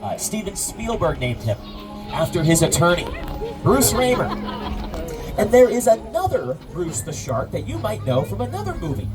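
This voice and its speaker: A tour guide delivering lively scripted narration with a theatrical, joking manner and mock alarm, outdoors on a tram. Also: medium pitch, normal speed, music in the background, a crowd in the background.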